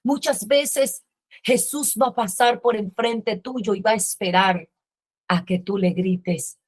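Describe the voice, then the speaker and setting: A middle-aged woman pastor preaching a sermon with impassioned delivery that rises to shouts. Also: medium pitch, slow, husky.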